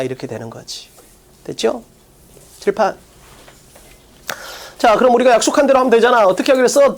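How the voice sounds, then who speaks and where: Online lecture, exam-prep English teacher, lively rising and falling pitch, rhetorical questions, casual classroom talk. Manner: coaching with quick rhetorical questions to students.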